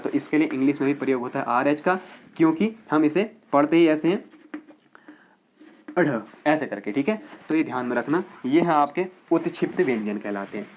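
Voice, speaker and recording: A male teacher giving a grammar lecture for exam students, explaining step by step, checking in often and slowly repeating words to show how they are pronounced. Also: a little high.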